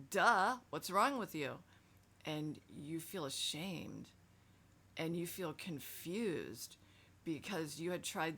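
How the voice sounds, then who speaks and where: Low-voiced woman giving candid self-help talk. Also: a bit bright. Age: middle-aged. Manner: conversational and emphatic, with frank swearing. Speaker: self-help video host. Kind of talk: casual self-help monologue.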